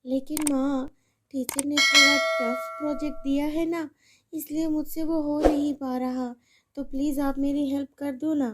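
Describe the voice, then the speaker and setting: A meek cartoon schoolgirl who pleads softly and politely, as a woman narrator puts her on. Her voice is high and gentle, and it drops quieter as she begs. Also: little pitch movement, unhurried, very noisy. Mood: pleading. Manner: soft, pleading.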